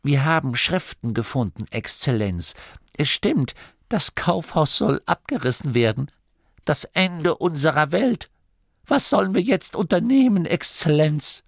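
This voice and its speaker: A man's voice: a little high, big pitch swings, drawn-out words, creaky, hardly any pauses, darkish tone, no echo, clean studio sound, voice pushed up, exaggerated voice. A man voicing a timid, anxious male gnome who pleads hesitantly.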